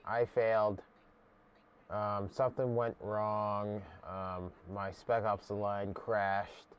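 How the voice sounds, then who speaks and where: A man's voice: lowish voice, clean tone, muffled recording. A young man live-streaming a game, frustrated and swearing while talking to his chat.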